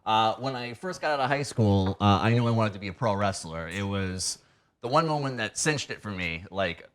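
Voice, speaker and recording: A man in his thirties from New Hampshire, appearing as a guest wrestler on a TV studio set, chats casually in an interview with a fairly low, expressive voice at a moderate pace. He rambles, leaning heavily on "you know" and "like."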